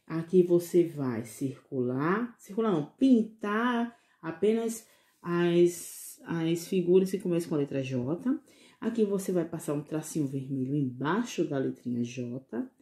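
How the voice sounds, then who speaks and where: Woman preschool teacher, slow and patient, warm low tone, sounds out each syllable gently. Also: lively intonation. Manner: gentle coaxing with diminutives. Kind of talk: recorded online lesson for young children.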